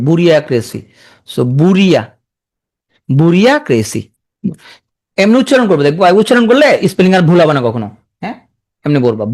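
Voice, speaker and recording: Lively spelling teacher. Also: medium pitch. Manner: repeats words slowly syllable by syllable, joking asides. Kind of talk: spelling lesson to a large class.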